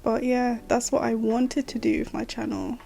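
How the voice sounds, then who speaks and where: Her voice sits on the high side with little pitch movement, warm but creaky, at a moderate pace. She's a late-twenties podcast host rambling through a casual solo chat, full of laughs and fillers.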